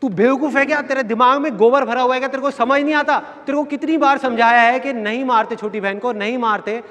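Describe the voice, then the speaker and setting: A man's voice: very high voice, fast talker, in a large hall, pitched above the performer's own voice. A man voicing an angry, tired father who scolds his young son, raising his voice. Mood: scolding. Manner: shouting, scolding.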